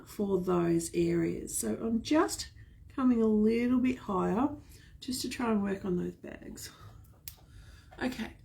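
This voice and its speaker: A woman's voice: mid-range voice, creaky, a little mellow. A woman hosting a chatty, gushing live skincare demonstration from home, filmed by a camera set some distance away. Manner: chatty, gushing, addresses viewers fondly. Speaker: skincare product seller.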